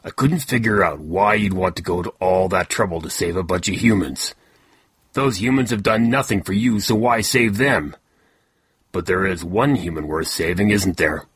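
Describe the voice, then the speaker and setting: A man voicing a bald adult male poacher, a villain with a low sneering voice. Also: moderate pace, a bit bright, slightly rough, dry recording. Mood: menacing.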